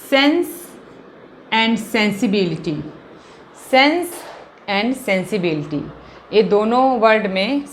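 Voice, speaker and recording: Slow emphatic teacher, woman. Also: mid-range voice, a little hiss or hum. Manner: emphatic, drawn-out key words, keeps asking "clear?". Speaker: English teacher. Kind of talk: classroom lesson, Hindi-English mix.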